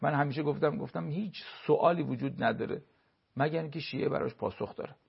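A man's voice: on the high side, vocal fry, breathy edge. A man giving marriage advice as a religious expert on a TV program, lecturing emphatically and asking many rhetorical questions. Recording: dull lo-fi broadcast sound.

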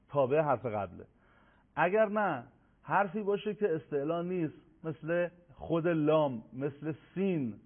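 A man's voice: on the high side, phone-quality sound. A man teaching a lesson on reciting the Quran, explaining carefully and stressing Arabic letters in his examples. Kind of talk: televised lesson.

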